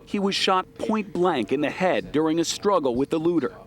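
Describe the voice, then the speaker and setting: A man delivering scripted television news reporting with measured, dramatic emphasis. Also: fairly high pitch, animated, faint music behind. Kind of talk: scripted broadcast news narration.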